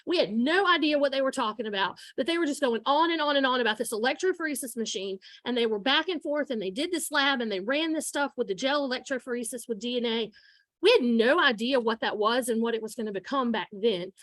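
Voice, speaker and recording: A woman's voice: fairly high pitch, animated, quick pace, fairly bright tone, dry recording. A woman in her forties giving an informal lecture to students, projecting her teacher voice without a microphone. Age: 40s. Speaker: guest lecturer, forensic science instructor. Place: room, speaking aloud to a student audience.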